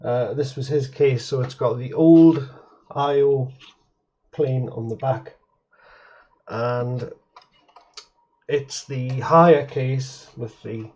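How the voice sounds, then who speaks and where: A retro computer hobbyist shows off hardware at his home workbench in a casual show-and-tell, rambling, hesitating and often correcting himself mid-sentence. His voice is medium-pitched, steady, slow and a little mellow. The audio sounds slightly dull and muffled.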